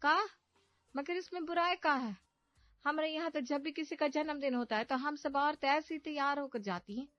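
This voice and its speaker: Woman voicing a young village wife, sharp-tongued, folksy, pitched fairly high, muffled cartoon audio. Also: no echo, lightly acted. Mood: plain. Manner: quick retorts, folksy rural speech. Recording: muffled, faint background music.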